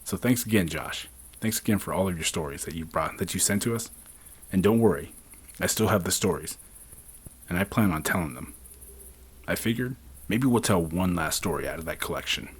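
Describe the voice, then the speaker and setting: A man from the southwestern United States, from the Navajo Nation, hosts a podcast and tells stories like a conversational urban legend teller. His low, slightly rough voice is expressive and a bit fast, broken up by long pauses.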